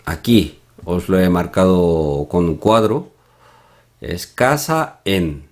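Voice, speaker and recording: Slow, deep-voiced language teacher. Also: male voice, expressive. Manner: slow, deliberate explaining with pauses and soft hums. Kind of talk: slide-based language lesson.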